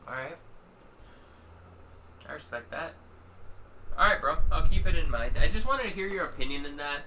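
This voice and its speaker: Young male podcast host, bright and a bit high-pitched, slangy and relaxed, faint hiss. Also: moderate pace, rough recording. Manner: laid-back, slangy, laughs often. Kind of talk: casual podcast chat.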